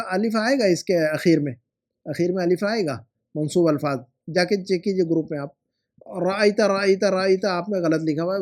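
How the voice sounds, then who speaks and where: Patient high-voiced man teaching grammar. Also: darkish tone. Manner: patient, repeats words slowly, fillers like "hai na". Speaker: Arabic teacher correcting homework. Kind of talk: explanatory lesson.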